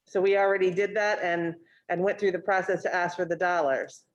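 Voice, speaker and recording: A woman with a lowish voice answers procedural questions in a steady, measured way, pausing often on um. Her connection is weak, so the audio is choppy and keeps cutting out. The sound is dull and lo-fi, like a video call. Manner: measured, with frequent um fillers. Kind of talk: town committee meeting discussion. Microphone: remote video call.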